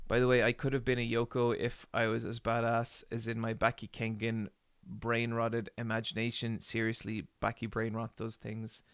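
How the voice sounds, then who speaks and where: Gravelly forty-something man chatting with viewers. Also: mid-range voice, flat delivery, measured pace. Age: 40s. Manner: joking, rambling, many ums. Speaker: streamer. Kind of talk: casual live-stream chat with viewers.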